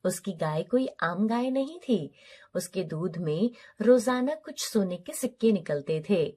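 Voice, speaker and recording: A woman narrating a cartoon story in a steady, expressive storytelling style. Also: medium pitch, measured pace, breathy edge.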